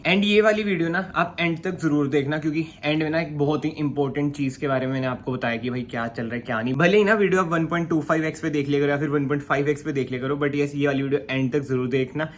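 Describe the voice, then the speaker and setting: A young man doing a casual car vlog, chatty and excitable, filming himself on a phone while driving and standing outside in a parking lot. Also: fairly high pitch, fast talker, few pauses, a little hiss or hum. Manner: chatty, excitable, teasing, says "bhai" a lot. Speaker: car vlogger. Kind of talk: casual vlog talk, Hindi-English mix. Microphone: phone camera.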